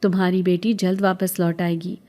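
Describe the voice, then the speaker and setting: A woman playing a calm, secretive veiled woman. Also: fairly low pitch, close to an everyday voice. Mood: soothing. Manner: soothing, reassuring.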